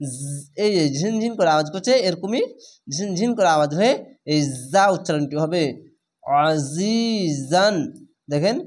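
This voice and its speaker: A man teaching Quran reading, spelling out letters one at a time and then stretching each recited word out slowly. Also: sits high, darkish tone.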